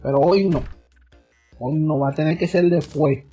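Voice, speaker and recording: A man's voice: fairly high pitch, moderate pace, dark tone, slightly rough, soft background music. A male gaming streamer chatting casually in an exaggerated Dominican Spanish accent, playfully switching between English and Spanish. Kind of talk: casual live-stream chat.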